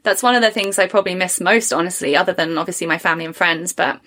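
A woman's voice: on the low side, quick pace, a bit bright. A young adult woman with an English Home Counties accent, hosting a casual interview in a chatty, enthusiastic, informal way. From Hertfordshire, England. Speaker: podcast host.

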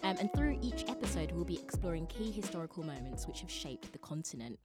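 A woman's voice: on the low side, big pitch swings, brisk. A woman host delivering a scripted podcast opening. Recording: intro over loud music.

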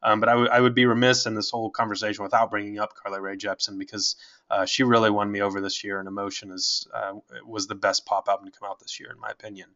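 A man's voice: on the low side, level tone, fast, bright, forceful tone, lo-fi sound. A man co-hosting a podcast in a casual music chat, rambling with lots of filler words. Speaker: podcast co-host.

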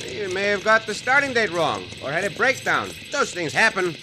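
A man's voice: high voice, sing-song, moderate pace, over music. A man playing a gallant, confident Mexican cowboy hero, courteous and commanding, in an old-time Western drama. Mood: friendly, steady.

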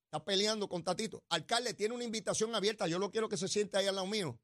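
A middle-aged man with a Puerto Rican accent hosting a political talk show, combative and mocking, swinging between loud and quiet, talking into a studio mic. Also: high-pitched, fast talker, no room sound. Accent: Puerto Rican Spanish. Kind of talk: political commentary monologue.

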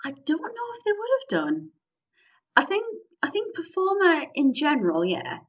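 A woman's voice: high-pitched, wildly swooping pitch, moderate pace. A woman from Newcastle with a northeast English Geordie accent, chatting casually as an interview guest about her performing. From Newcastle upon Tyne, northeast England. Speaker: guest, improv comedy performer. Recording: dull, distant-sounding lo-fi audio.

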